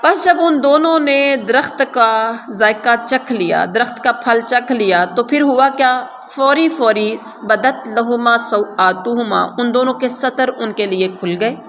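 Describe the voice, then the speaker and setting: A woman with a Pakistani Urdu accent teaching a Quran lesson, reciting verses slowly and then explaining each one in plain conversational words. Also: on the high side, fairly bright tone, in a large hall, slight background noise. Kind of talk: word-by-word translation lesson. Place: room with noise heard from outside.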